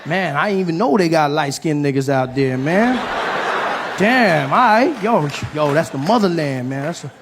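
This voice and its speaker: A man voicing a brash, excitable male comedian who stammers and then gushes in slangy speech, with long reverb from a big venue. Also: mid-range voice, measured pace, background noise, lightly acted. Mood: excited.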